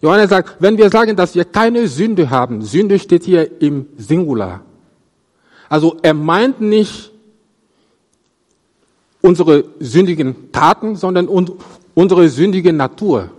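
A man preaching a sermon on a Bible passage, halting and restarting often, his voice rising on quoted verses and dropping at the ends of phrases. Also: sits high, expressive, darkish tone, in a large hall. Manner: halting, with repeated restarts and stammers.

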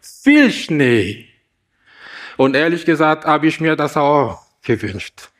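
A man preaching a Christmas sermon, reading a fable aloud and asking the listeners gentle questions. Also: fairly high pitch, measured pace. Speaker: pastor.

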